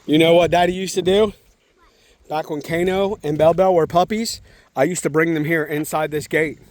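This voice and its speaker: In the rain at a park, a man keeps up playful, encouraging talk with his young child in simple phrases, checking in often. His voice is fairly high with fairly even intonation and normal speed, and there's no echo. The home-video sound is noisy and outdoor.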